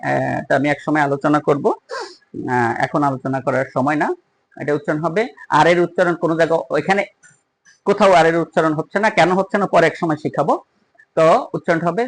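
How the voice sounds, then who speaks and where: A teacher giving a spoken grammar lesson. The teacher explains step by step, asks the listener questions, and slows down on the example sentences. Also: medium pitch, poor audio. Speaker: English teacher.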